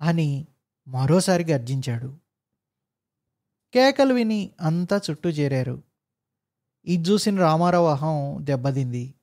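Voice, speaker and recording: Man, story narrator, dramatic reading, high-pitched voice. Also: animated, a little slow, pauses often, darkish tone.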